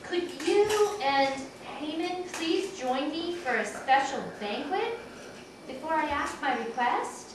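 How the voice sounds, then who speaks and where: A nervous, pleading puppet queen played by a woman, high and slow in delivery. She is hesitant and melodramatic, as in an amateur puppet show, recorded in an echoey room. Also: expressive. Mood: hesitant, affectionate. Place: small home gathering, echoey room, far camera. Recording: echoey distant noisy home video.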